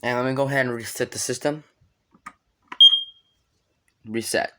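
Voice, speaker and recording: A man's voice: medium pitch, steady tone, normal speed, very noisy. A man chatting casually as he gives a hands-on equipment demonstration. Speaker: hobbyist demonstrator.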